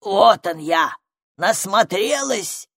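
A woman's voice: medium pitch, expressive, husky, no echo, clean studio sound, exaggerated voice. A woman voicing a grumpy, squat male troll-like creature who grumbles and drags out his words in a storybook reading. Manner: grumbling, slow and drawn-out.

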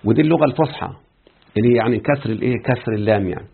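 A man's voice: mid-range voice, rapid-fire, creaky, slightly rough. A man with an Egyptian Arabic accent teaching Arabic grammar in a classroom lecture, explaining step by step, repeating terms and putting questions to his students. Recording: tinny phone-like lecture recording.

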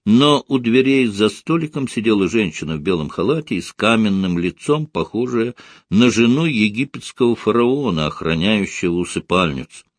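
A man narrating an audiobook in a measured, even storytelling manner. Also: fairly low pitch, no room sound, studio quality. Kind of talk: scripted narration.

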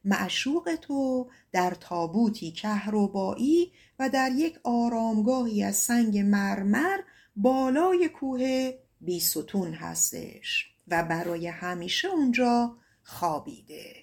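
Big strong wind spirit, low and grave, woman narrator doing it. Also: expressive, a little mellow, natural voice. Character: mighty wind, champion of champions.

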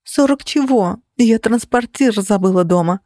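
A woman voicing a sharp-tongued young woman fighter who fires back snappy retorts. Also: fairly high pitch, big pitch swings, a little fast, no echo, clean studio sound, pitched above the performer's own voice. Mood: snarky.

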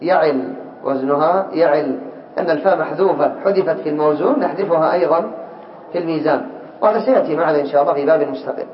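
A man teaching a lesson to students, speaking slowly and deliberately and repeating each word so they can follow. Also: fairly high pitch. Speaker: teacher of Arabic morphology. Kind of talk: classroom lesson commentary. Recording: echoey, dull lo-fi room recording.

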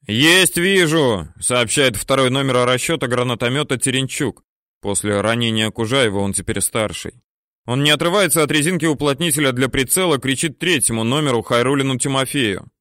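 Guy reading a war story, steady and terse, bone-dry recording. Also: medium pitch, a little fast, no room sound. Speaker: narrator. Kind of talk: audiobook narration of a war story.

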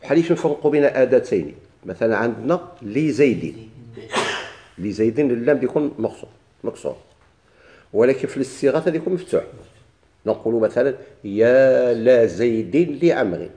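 Mellow-voiced Moroccan man teaching. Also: medium pitch, expressive, fast talker. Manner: asks questions and answers them himself, repeats key points. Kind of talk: Arabic grammar lesson.

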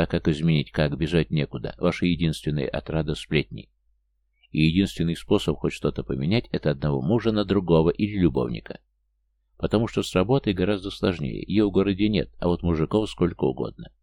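A man's voice: low-pitched, lively intonation, brisk, warm tone, no echo. A man reading a bitter, accusing ex-cop. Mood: bitter ranting. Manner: harsh, accusing, agitated. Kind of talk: audiobook character voice.

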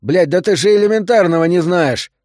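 A male audiobook reader voicing a gruff doctor who barks urgent orders during an emergency birth. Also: medium pitch, normal speed, a little mellow, no room sound, clean studio sound, natural voice.

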